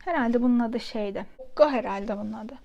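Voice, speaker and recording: A woman's voice: a little high, fairly quick, vocal fry, mellow, highs cut off. Chatty woman vlogging from a basement. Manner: chatty, laughs while telling a funny story. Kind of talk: casual home vlog with storytelling. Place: home basement.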